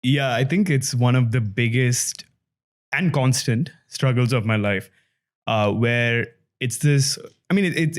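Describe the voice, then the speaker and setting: Thoughtful Dubai-raised man talking. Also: mid-range voice. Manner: thoughtful, with frequent fillers and restarts. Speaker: podcast host. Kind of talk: reflective conversational chat.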